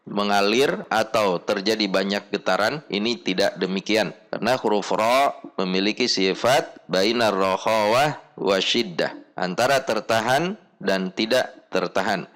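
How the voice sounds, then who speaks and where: A man teaching how to pronounce a letter in a recitation lesson, slow and deliberate, repeating sample syllables. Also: lowish voice, a bit bright. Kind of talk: instructional lesson on letter pronunciation.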